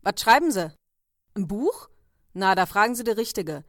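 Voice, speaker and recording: A woman voicing a blunt, gossipy female café owner with a loud, colloquial manner. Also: medium pitch, very animated, normal speed, no echo, studio quality, natural voice. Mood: grumbling.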